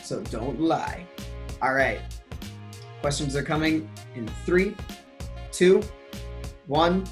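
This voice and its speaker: A man's voice: fairly high pitch, lively intonation, takes it slowly, long pauses, soft background music. A man hosting a casual interview and quiz show, playful and teasing in an upbeat way. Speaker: podcast host running a quiz.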